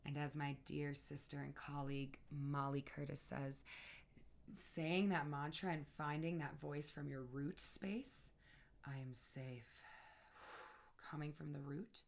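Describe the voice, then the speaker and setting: A woman with a notably low, deep voice talks through her own grief in a reflective personal monologue. She speaks softly and earnestly, often sinking to a hushed near-whisper, and keeps checking in with the listener. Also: vocal fry.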